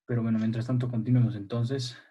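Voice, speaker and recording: Speaking quickly with fairly even intonation, this man has a warm, mid-range voice with a breathy edge. He's teaching primary schoolers a language lesson over video call, quizzing them patiently, offering encouragement, and checking in often with "a ver" and "¿ya?".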